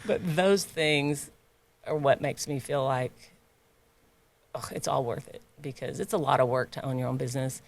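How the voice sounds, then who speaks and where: A woman's voice: very deep voice, moderate pace. A woman who owns a gym, chatting in a podcast interview, laughing often and getting emotional about her members. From United States. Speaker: gym owner and trainer.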